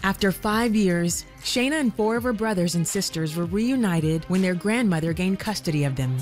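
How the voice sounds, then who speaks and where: A woman narrating a scripted documentary in a measured, even storytelling manner. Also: medium pitch. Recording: soft music underneath.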